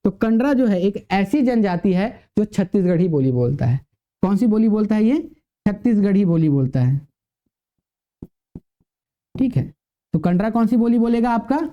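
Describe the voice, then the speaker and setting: A man's voice: high voice, expressive, normal speed, long pauses, highs cut off. A male teacher giving a classroom lecture, asking the class questions and answering them himself.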